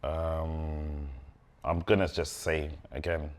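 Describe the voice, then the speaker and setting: A man's voice: a bass voice, little pitch movement, slow. A young man with a London roadman accent and street slang, chatting casually as a podcast guest. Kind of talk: casual chat.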